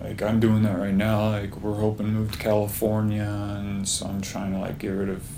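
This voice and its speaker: Young guy, low and unhurried, loose filler-laden storytelling, faint hiss behind. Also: monotone, gravelly. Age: young adult. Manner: rambling, filler-heavy storytelling. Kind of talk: casual chat.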